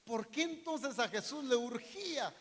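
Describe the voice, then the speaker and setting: A male pastor preaching a sermon, asking the congregation questions and reading verses, swinging between loud emphasis and soft, slow phrases. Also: very high voice, animated, husky. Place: church sanctuary. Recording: long hall reverb.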